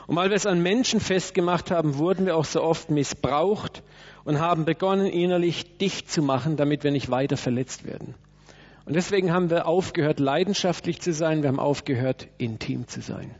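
A man's voice: on the high side, a little mellow. A man preaching a sermon in a church, speaking emphatically and turning to address people in the room. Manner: emphatic, with acted quotes and direct asides to listeners. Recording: dull, lo-fi sermon recording.

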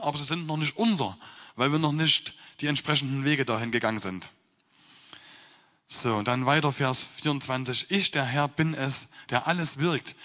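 Bright-voiced man preaching in a reverberant hall. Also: on the high side. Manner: reads scripture slowly, then explains with emphatic stresses. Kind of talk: scripture reading with sermon commentary.

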